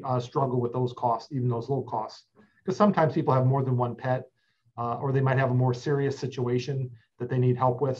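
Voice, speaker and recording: A man's voice: mid-range voice, darkish tone, dull audio. A man in his forties explaining shelter services steadily over a video call, with many filler sounds. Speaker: animal shelter representative. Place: office with plain wall.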